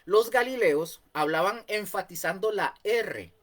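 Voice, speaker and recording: A man's voice: high voice, expressive, unhurried. Man, Costa Rican accent, Bible study teacher, explains step by step, repeats himself, lots of filler sounds. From Costa Rica. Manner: explanatory, repeats key points, frequent fillers.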